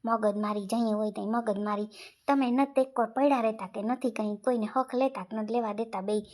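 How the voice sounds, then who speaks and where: A woman's voice: fairly high pitch, fairly even intonation, darkish tone, close to an everyday voice. A woman playing a hot-tempered grown son who rants in an exasperated way. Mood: weary. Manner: exasperated, fast ranting.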